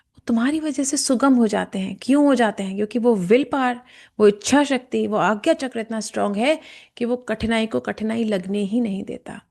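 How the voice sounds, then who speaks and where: A woman teaching a guided meditation, explaining chakras in a calm, slow way and softly chanting devotional verses, sometimes in a whisper. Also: fairly high pitch, gravelly. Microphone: camera and mic in front of her.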